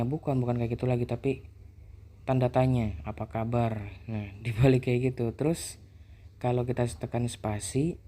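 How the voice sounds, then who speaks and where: A man, chatting casually as a vlogger about his experiences with an app. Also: medium pitch. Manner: relaxed, conversational explaining. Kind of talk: casual chat.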